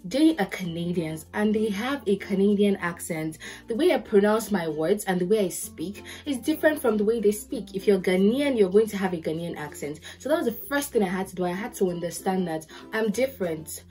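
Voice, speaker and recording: A young Nigerian woman, a lawyer and podcast host, gives casual advice to the camera from an indoor bedroom with curtains. Her Nigerian-accented, medium-pitched voice runs a little fast with hardly any pauses, and she acts out quotes in lively little stories over soft background music.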